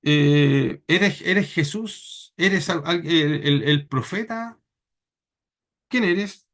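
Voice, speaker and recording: A Chilean man preaches a church sermon in a high, fairly bright voice, his delivery plain throughout. He teaches earnestly but haltingly, often repeating words while he gathers his thoughts.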